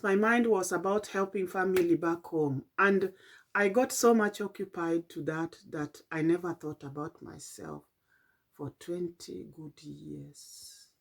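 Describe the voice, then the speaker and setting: A middle-aged Kenyan woman telling a late-night personal vlog in a tired, halting, reflective way, with many fillers and restarts. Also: mid-range voice. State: tired and yawning. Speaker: vlogger.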